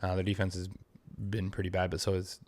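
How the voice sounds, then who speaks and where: A man's voice: low-pitched, completely flat delivery, brisk, a little mellow. A man co-hosting a casual sports podcast, rambling with many fillers and restarts. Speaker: podcast co-host.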